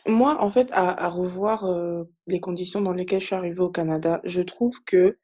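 A young woman from Africa talking casually and thoughtfully, often pausing with fillers. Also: fairly low pitch, steady tone, warm tone, muffled recording. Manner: reflective, hesitant with fillers. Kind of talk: casual chat.

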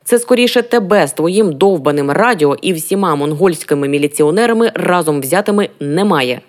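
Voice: medium pitch, animated, fairly quick, close to an everyday voice. A reader voicing Vasya, a sarcastic, crude young man in an audiobook. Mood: mocking. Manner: mocking, crude. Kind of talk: audiobook reading.

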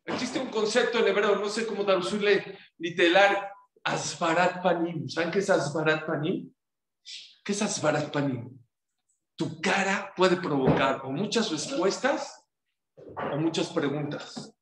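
Guy preaching, high voice, keeps throwing questions at the crowd, echoey room. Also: a little slow. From Mexico. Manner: animated, rhetorical questions to the audience. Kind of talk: sermon.

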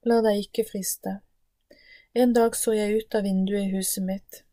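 A woman reading scripture aloud in a measured, earnest way. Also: mid-range voice, level tone, mellow, no echo. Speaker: Bible reader.

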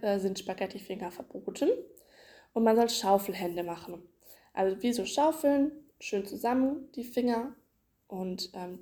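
Warm and mid-range, the host casually walks listeners through children's swimming exercises. Her instructional podcast chat is sprinkled with fillers and playful images.

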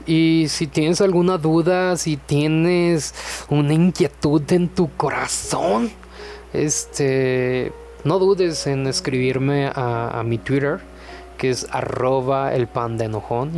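Slow, relaxed young man. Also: a little high, soft background music. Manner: relaxed, chatty, with many fillers and joking asides. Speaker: podcast host.

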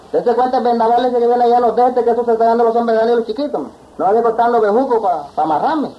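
A pleading trickster rabbit from a folk tale, voiced by a man. He wheedles fast in a high, voice. The sound is dull and lo-fi, like a 1960s field tape. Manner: wheedling, repeats "hombre".

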